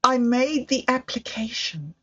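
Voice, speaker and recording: A livestream host with a slightly high, bright, expressive voice speaks at a measured pace, reflecting hesitantly and self-critically on her projects. The casual monologue has a somewhat dull, lo-fi sound.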